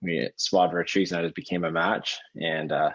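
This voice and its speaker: Deep-voiced young Canadian man, dull audio. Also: very animated, moderate pace, creaky, a bit bright. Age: 20s. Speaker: bone marrow donor, interview guest. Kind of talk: casual conversation.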